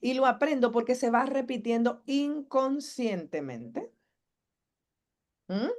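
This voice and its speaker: A woman's voice: on the high side, lively intonation, slow, a little mellow. A woman psychologist giving a live masterclass to mothers. She asks the audience questions and acts out the lines of family members.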